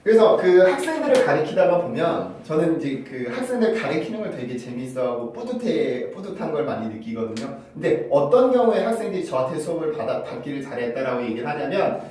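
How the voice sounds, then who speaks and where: A man's voice: fairly high pitch, sing-song, a little fast, hardly any pauses, a little mellow, far from the mic, a little hiss or hum. Man teaching pronunciation in a roomy space. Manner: explains patiently, often asks "right?" and demonstrates sounds by repeating words. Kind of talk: pronunciation lesson. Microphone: camera-mounted microphone.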